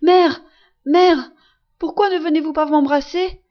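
A woman's voice: a little high, moderate pace, close to an everyday voice. A woman reads a sick young man's lines in a storybook reading, eager and insistent as he questions and calls for his mother. The sound is slightly dull, a home audiobook recording. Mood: crying out. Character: young man, sick and feverish, pleading.

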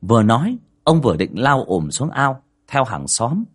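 A man's voice: moderate pace, slightly rough. A man narrating a spoken ghost story in a dramatic way. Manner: dramatic, lively pitch.

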